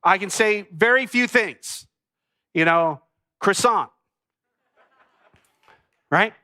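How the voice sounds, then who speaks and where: A high, bright male voice carries a sermon full of jokes and asides. He is a pastor in his thirties, telling a personal story to the congregation before turning to the teaching. He sounds lively and talks straight to the room. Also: slow. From United States.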